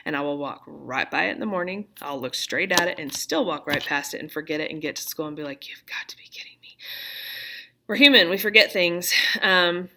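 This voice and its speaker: Woman teacher, low-pitched but bright and sharp, chatty and reassuring, talking to parents into a webcam in a classroom. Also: fairly quick, hardly any pauses. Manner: chatty and reassuring, laid-back. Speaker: middle school teacher. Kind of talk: casual talk to parents.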